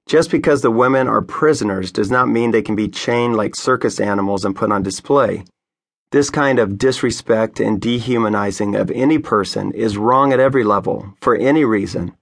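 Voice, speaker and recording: A man's voice: fairly low pitch, normal speed, gravelly. A man who is a pastor narrating his own memoir audiobook in an earnest, conversational storytelling manner, recorded on a studio microphone.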